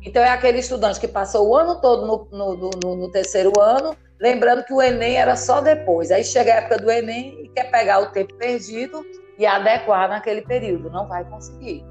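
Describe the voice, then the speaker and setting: Brief: emphatic Brazilian woman therapist in interview, animated explainer, faint music underneath. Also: fairly high pitch, fast. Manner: animated, emphatic, asks listener "entendeu?" often. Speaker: therapist guest.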